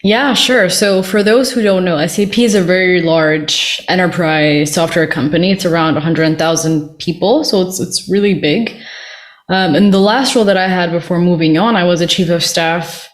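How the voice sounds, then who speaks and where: Conversational woman from Ethiopia, lowish voice. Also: moderate pace. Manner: relaxed, conversational, with fillers. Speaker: podcast guest, career coach. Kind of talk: casual interview conversation.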